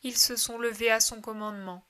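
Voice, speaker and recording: A young male disciple, grave and gentle, answering softly with sorrow, read by a woman. Her own fairly high, bright tone stays in the voice, like a storybook reading. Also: fairly even intonation, brisk. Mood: sorrowful.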